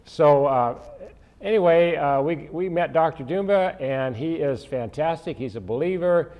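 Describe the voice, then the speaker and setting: A man's voice: on the high side, unhurried, dull audio. An older man hosting a podcast interview, chatty and rambling as he asks questions. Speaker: podcast host. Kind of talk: interview conversation.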